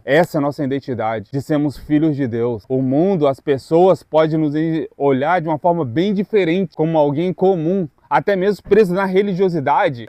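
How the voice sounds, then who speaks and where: A man preaching a devotional sermon. He speaks earnestly in short, measured phrases with pauses. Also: on the high side, darkish tone, no echo, clean studio sound.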